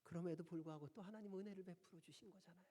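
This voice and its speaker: A high-pitched male pastor delivers an earnest sermon, pressing his listeners with direct questions. His voice rings through a church sanctuary with a long reverb trailing each phrase. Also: fairly even intonation, rapid-fire, mellow. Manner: earnest, pleading preacher who asks the congregation direct questions.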